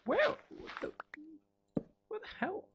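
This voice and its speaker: Speaking slowly over background noise, a man who makes Minecraft gaming videos rambles through casual commentary, thinking aloud as he plays.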